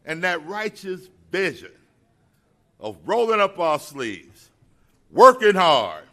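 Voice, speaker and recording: An American man delivers a rousing podium speech to a room. His voice is forceful and swings widely in pitch. He punches out short, repeated phrases with emphatic oratory. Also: very animated, takes it slowly. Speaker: labor leader, speaker. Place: large indoor event room.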